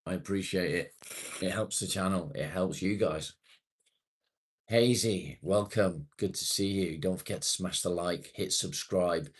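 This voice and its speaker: This livestream host is a man in his late forties who keeps things casual, going through viewer comments in a friendly, matey way with the odd swear word. He speaks unhurriedly in a low, husky voice.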